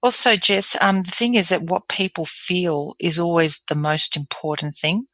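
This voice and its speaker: Bright, expressive woman voice coach. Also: fairly low pitch, moderate pace, dry recording. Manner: demonstrative, acts out example voices; earnest and explanatory. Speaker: voice coach guest. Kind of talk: conversational podcast interview.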